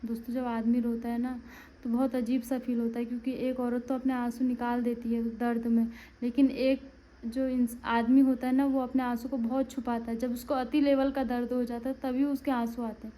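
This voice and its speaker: A woman's voice: on the high side, level tone, normal speed, warm tone, low-quality recording. Pahadi woman vlogging at home. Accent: Pahadi Hindi. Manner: talks to viewers, then coos to a baby. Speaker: family vlogger. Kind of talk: casual home vlog. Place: home, indoors.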